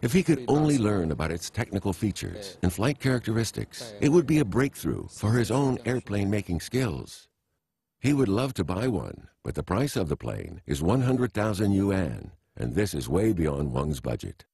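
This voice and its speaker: A man reading scripted documentary narration in a measured, even way. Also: lowish voice, vocal fry, breathy edge, no room sound. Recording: faint music behind.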